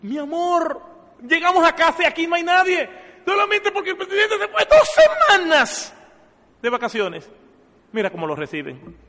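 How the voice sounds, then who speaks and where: A man voicing an elderly male missionary, first plaintive and then quietly resolved, in a reverberant hall. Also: fairly high pitch, normal speed, pauses often. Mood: aggrieved. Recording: long church hall reverb.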